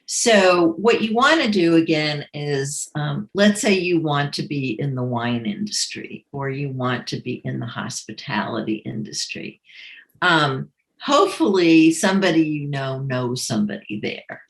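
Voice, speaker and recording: A woman speaks with a New York accent in a low voice. She is a career coach talking slowly and easily in a live question-and-answer session, with a lot of ums. The sound carries a noticeable room echo. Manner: relaxed and conversational, frequent ums.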